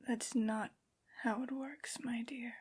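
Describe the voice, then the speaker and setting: A woman voicing a haughty, menacing aristocratic vampire lady in a breathy, whispered ASMR roleplay, with slow, condescending phrasing. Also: fairly high pitch, fairly even intonation, a little mellow, exaggerated voice. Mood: scornful. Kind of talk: soft-spoken ASMR villain roleplay.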